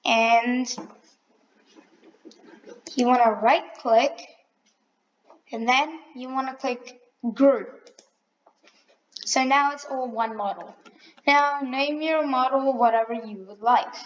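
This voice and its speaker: Slow-talking young-sounding woman tutorial voice. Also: high-pitched, highs cut off. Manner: relaxed, self-correcting, chatty asides. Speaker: tutorial maker. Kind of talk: casual screen-recorded tutorial.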